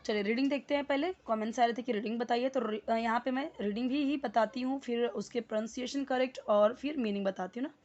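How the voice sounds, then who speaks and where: A woman's voice: on the high side, quick pace, few pauses, darkish tone, lo-fi sound. A woman teaching English in Hindi, repeating words and explaining them patiently with many fillers.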